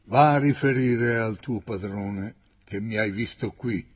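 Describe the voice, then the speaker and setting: A man voicing a stern, commanding old male prophet in a read-aloud Bible story, declaiming with loud emphatic peaks. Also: lowish voice, measured pace, slightly rough. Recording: dull lo-fi recording.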